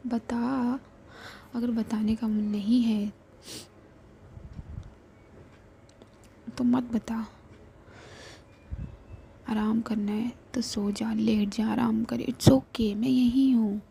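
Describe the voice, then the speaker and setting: A woman with a cold voicing a caring young woman who comforts a crying friend, soothing and pleading in a breathy half-whisper. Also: a little high, slow, long pauses, a little hiss or hum. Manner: soothing, then pleading and excitable. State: has a cold and flu.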